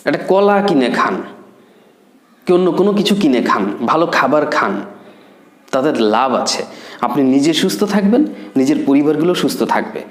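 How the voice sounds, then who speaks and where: Chatty male English teacher, echoey room. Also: mid-range voice. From Bangladesh. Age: 30s. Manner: explaining, chatty asides and rhetorical questions. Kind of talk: spoken English lesson.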